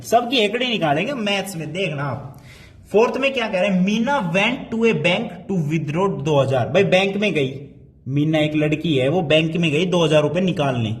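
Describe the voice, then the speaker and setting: A man teaching a math lesson. He mixes Hindi and English and hypes up each solved step. He slows right down when he reads textbook problems aloud. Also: sits high. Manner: energetic, hypes up his solutions. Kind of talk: chalkboard-style math lesson.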